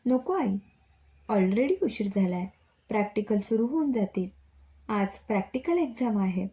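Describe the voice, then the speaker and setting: A woman's voice: medium pitch, lively intonation, unhurried, mellow, close to an everyday voice. A woman voicing a caring young college student who pleads and hurries in a story reading. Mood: hurried.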